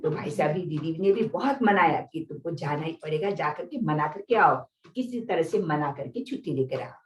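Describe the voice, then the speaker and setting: A woman's voice: low-pitched, expressive, moderate pace. An older woman from Nepal, a senior spiritual teacher, telling her life story to a gathering. She acts out the people she quotes and often adds little tag questions. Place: indoor meditation centre hall. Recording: roomy hall, voice picked up from a distance.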